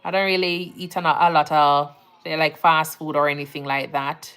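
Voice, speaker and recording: The recording is rough, but the low-pitched voice is smooth, moving at a moderate pace. It belongs to a nurse from Jamaica, speaking with a Jamaican accent, who chats casually on a livestream and reads out viewer comments. She's relaxed and chatty, with Jamaican phrasing and easy laughter.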